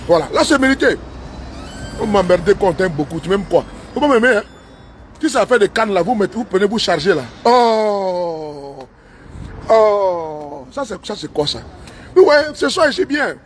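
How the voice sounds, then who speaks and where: High-voiced man rambling live from his car. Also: lively intonation, normal speed, slight background noise. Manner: repetitive, talkative, mixes in broken English. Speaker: live streamer. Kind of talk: rambling livestream monologue. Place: inside his parked car with engine running.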